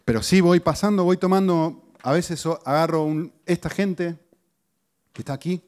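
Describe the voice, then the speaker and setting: A middle-aged man, a pastor giving a conversational sermon to his congregation with lively rises in pitch and asides to the listeners. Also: normal speed. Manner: conversational teaching, animated pitch swings, audience asides.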